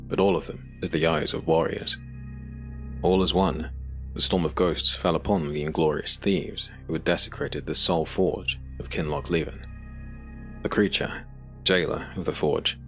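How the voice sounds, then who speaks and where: A male narrator tells a dark fantasy story in a measured, even way. His voice sits very low. Soft music plays faintly behind him. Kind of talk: scripted narration.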